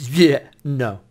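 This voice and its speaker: A man's voice: medium pitch, husky. A man chatting casually while playing a game with friends, teasing and laughing often. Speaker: gameplay commentator. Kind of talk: casual multiplayer game chat.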